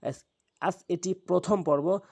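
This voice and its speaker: A man teaches Quran pronunciation step by step, repeating each letter slowly and patiently. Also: sits high, creaky, darkish tone.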